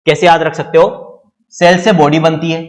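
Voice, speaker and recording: A man's voice: fairly high pitch, flat delivery, normal speed. A middle-aged man with an Indian accent teaching biology to exam students, explaining step by step with lots of rhetorical questions. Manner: explains with repeated rhetorical questions, calls listeners "children". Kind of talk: exam-prep lecture.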